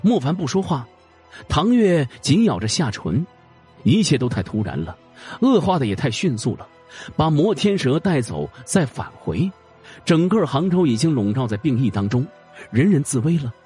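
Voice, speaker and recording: Expressive male audiobook narrator. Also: fairly high pitch, normal speed, breathy edge, soft background music.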